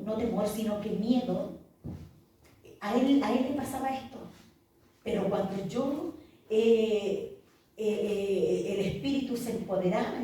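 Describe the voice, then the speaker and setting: Speaking in a slightly high, mellow voice, a middle-aged woman pastor from Chile gives a heartfelt and vivid testimony for a podcast interview. She was recorded from a distance in a room with lots of echo.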